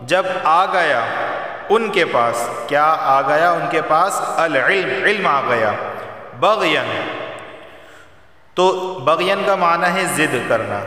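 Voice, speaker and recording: A man teaching the Quran, chanting verses slowly and melodically, then explaining the recitation rules in a plain, patient lecturing voice. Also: on the high side, animated, bright, forceful tone. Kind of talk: Quran recitation and tajweed lesson. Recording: roomy echo, long reverb, distant mic.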